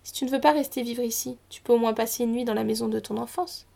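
A woman's voice: on the high side, steady tone, quick pace, vocal fry, warm tone. A woman reading as an old tearful widow mother. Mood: pleading. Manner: pleading, reproachful.

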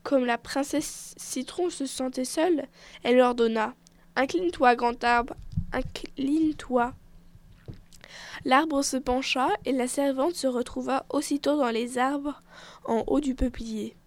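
A woman reading a fairy tale aloud in an expressive, measured storytelling manner. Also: sits high, dry recording.

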